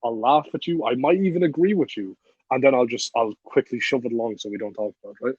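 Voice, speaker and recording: A husky-voiced young man in his late teens tells his story as a podcast guest, blunt and swearing freely, with laughs mixed into his talk. The recording is dull and lo-fi, and dry with no room sound. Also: medium pitch, fast talker, darkish tone, no echo. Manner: profane, blunt, laughs while telling the story. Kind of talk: casual storytelling.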